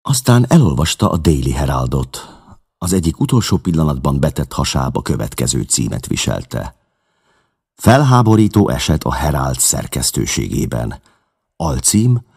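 A man reading a novel aloud as narrator, with a dramatic, expressive delivery. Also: extremely low pitch, creaky, breathy edge. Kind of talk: audiobook reading.

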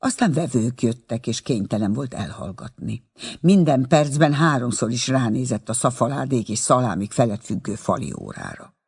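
A reader giving measured, expressive audiobook narration of a novel chapter. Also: mid-range voice, creaky, breathy edge.

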